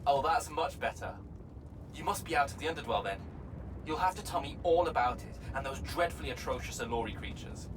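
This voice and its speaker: A man's voice: mid-range voice, animated, brisk. An actor playing a chatty, theatrical male ally who talks through a bad connection on a magic communication stone, playfully dramatic. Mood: teasing. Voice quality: playful and dramatic, teasing with grand titles. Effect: bad connection through a magic communication stone, breaking up. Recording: noisy, distant voice over a crackly link.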